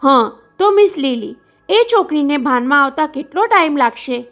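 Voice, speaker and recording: A woman reading as a smooth scheming man. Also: high voice, lively intonation, moderate pace, a bit bright, soft background music. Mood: probing. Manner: coaxing, insistent questions. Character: smooth scheming middle-aged man, flirtatious and probing.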